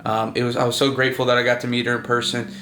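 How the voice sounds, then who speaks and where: A twentysomething business owner races through casual chat on his vlog, indoors at night, full of fillers and restarts. His mid-range voice is monotone and a bit bright, in a reverberant recording with a little hiss or hum.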